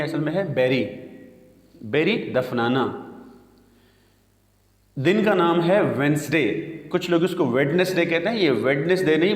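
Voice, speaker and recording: A man gives a pronunciation lesson in a slightly high voice, slowing down to spell each word out. The room is bare and echoey, with a long reverb tail behind him. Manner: slow, deliberate spelling out of words. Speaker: English teacher.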